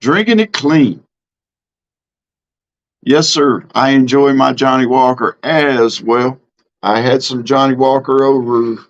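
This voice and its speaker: A Southern-accented, middle-aged man from Mississippi hosts a laid-back live stream, reading out comments in an easy, plainspoken drawl. Ums and false starts fill his pauses, his pitch is ordinary, and the sound quality is dull and lo-fi.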